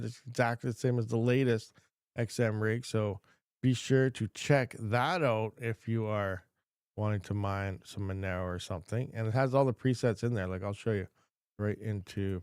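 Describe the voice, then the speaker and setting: A man's voice: lowish voice, a little mellow, smooth, no room sound, clean studio sound. A man hosting a casual livestream Q&A, rambling and reading chat questions aloud from a home desk. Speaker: crypto mining channel host.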